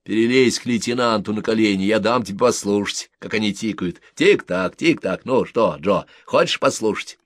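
A man reading the parts of jovial soldiers who tease and coax a child in loud, cheerful voices. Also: lowish voice, moderate pace, few pauses, no room sound, clean studio sound, natural voice. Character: hearty joking soldiers, adult men.

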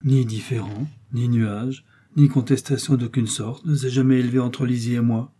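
A man's voice: mid-range voice, steady tone, normal speed, dark tone, husky, lightly acted. A man reading aloud and voicing an older, kindly aunt who speaks firmly and earnestly. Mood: indignant. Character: kind elderly aunt, protective.

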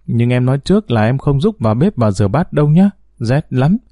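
A man's voice: mid-range voice, very animated, brisk, warm tone, dry recording, clean studio sound, close to an everyday voice. A man doing a whiny, spoiled young mistress. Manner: whiny, pampered.

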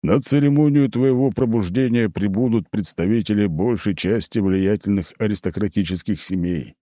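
A man's voice: fairly low pitch, normal speed, mellow, no echo, clean studio sound, pitched above the performer's own voice, natural voice. A man voicing an aging, worried count and academy rector who gives urgent, insistent warnings in an audiobook. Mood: urgent pleading. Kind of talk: audiobook character voice.

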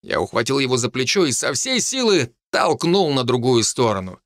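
A man narrating an audiobook in the first person, telling it in an expressive, animated way. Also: mid-range voice, normal speed, no room sound, studio quality.

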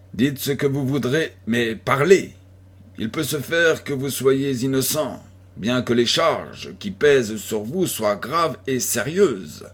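A man voicing a calm, authoritative middle-aged police commissioner who questions a suspect in a storybook reading. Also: medium pitch, breathy edge, exaggerated voice.

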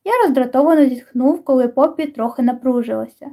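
A woman narrates an audiobook in calm, even storytelling. Her voice sits high and sounds soft and mellow. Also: fast. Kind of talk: scripted narration.

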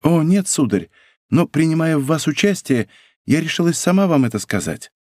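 A man reading an audiobook voices a gentle young female maid who speaks softly and pityingly. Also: on the high side, sing-song, moderate pace, no echo, studio quality.

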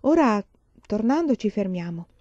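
A woman's voice: medium pitch, big pitch swings, moderate pace, mellow, dry recording, muffled recording. Laura, a woman reading an earnest teenage girl.

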